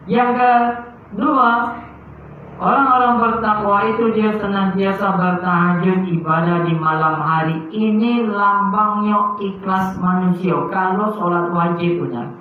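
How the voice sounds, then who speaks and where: A man preaching, moving from soft, tender lines to loud, emphatic bursts. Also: sits high, fairly even intonation, measured pace, a little hiss or hum. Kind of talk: sermon. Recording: very echoey, phone-like muffled sound.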